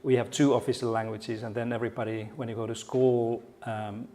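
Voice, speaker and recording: A middle-aged Finnish man delivers a keynote in a conference hall, his Finnish accent clear. His medium-pitched voice is level and somewhat dark, moving at a fairly quick pace. He keeps things friendly and joking, often restarting his sentences.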